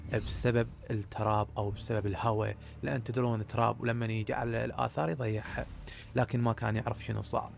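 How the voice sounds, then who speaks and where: A man's voice: medium pitch, creaky, darkish tone, slight background noise. A man with a Baghdad Iraqi accent telling a horror story in a casual spoken way, talking straight to his listeners and building suspense. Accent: Iraqi Arabic, Baghdad. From Iraq.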